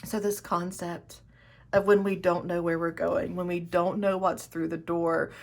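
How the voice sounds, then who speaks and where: In a level, unhurried tone, a woman with a fairly low voice chats casually to camera on her own tarot video. She's enthusiastic but rambling, regularly restarting and correcting what she says.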